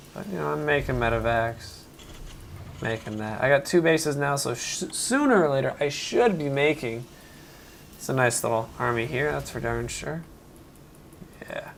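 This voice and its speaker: A man's voice: medium pitch, vocal fry, fairly bright tone, a little hiss or hum. A man casually commentating his own strategy game match, rambling and often correcting himself. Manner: rambling, self-correcting, chatty.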